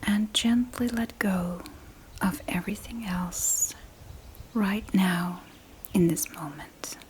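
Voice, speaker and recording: A meditation guide softly leads a sleep meditation in a breathy ASMR whisper, soothing and gentle. Her voice is medium-pitched, and she leaves long pauses between short phrases. Slight background noise is present.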